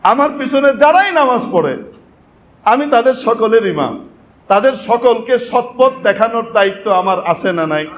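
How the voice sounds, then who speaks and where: Imam guy preaching friday sermon, high-ish voice, echoey mosque, faint hiss. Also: sing-song, normal speed, a bit bright. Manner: emphatic, asks the congregation rhetorical questions.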